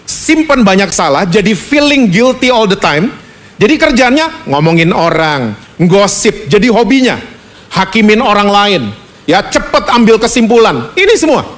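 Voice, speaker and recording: A male pastor preaching a lively, conversational sermon at a church service, often asking the congregation questions. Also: high voice, moderate pace.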